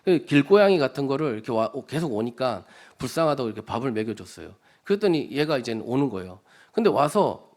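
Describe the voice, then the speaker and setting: A man's voice: medium pitch, a little mellow. Man preaching a conversational sermon. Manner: conversational, often asks the congregation questions; acts out quoted speech with rising emphasis. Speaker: church evangelist preaching.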